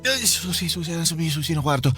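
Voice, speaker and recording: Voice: medium pitch, animated, fast talker, bright, forceful tone, soft background music. An actor playing a young husband and father in a radio drama, choked up and pleading. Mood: panicked.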